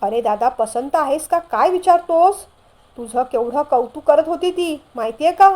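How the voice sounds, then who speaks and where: Brief: a woman reading a playful teasing younger brother, light and high. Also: expressive, normal speed, a little mellow.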